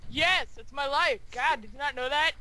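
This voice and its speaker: A man's voice: very high-pitched, normal speed. A man making random jokes and goofy remarks while playing a game with friends. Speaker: friend in a gaming session. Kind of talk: casual gameplay chat. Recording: noisy game-chat audio.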